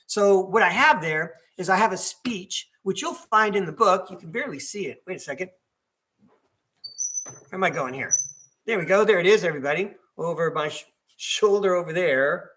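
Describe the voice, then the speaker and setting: This older podcast host from New York has a voice that sits high, bright and forceful. His solo talk is chatty and wanders off topic, with lots of fillers, restarts and self-corrections.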